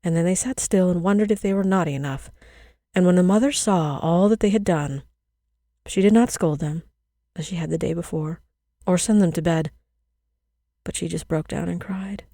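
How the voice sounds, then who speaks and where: A woman reading an old Victorian story aloud in a measured storytelling manner. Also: on the low side, dark tone, dry recording, clean studio sound.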